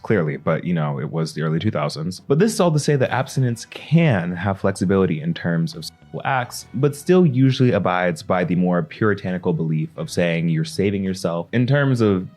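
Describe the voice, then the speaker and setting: A man's voice: lowish voice, a little mellow. A young man hosting a commentary vlog, talking in a playful, joking way. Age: young adult. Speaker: vlogger host.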